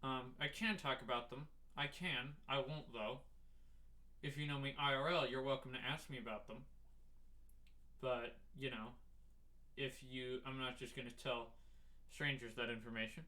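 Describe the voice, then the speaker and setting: A young man hosting a casual solo podcast, talking in a rambling, halting way with a sore, numb mouth after dental surgery. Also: medium pitch, fairly even intonation, sharp tone. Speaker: podcast host.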